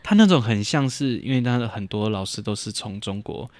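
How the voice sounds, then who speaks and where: A man, co-hosting a podcast and telling stories in a lively, laughing way. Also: lowish voice, a little fast, a crowd in the background. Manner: animated, laughing storyteller. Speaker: podcast co-host. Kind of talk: casual chat, storytelling.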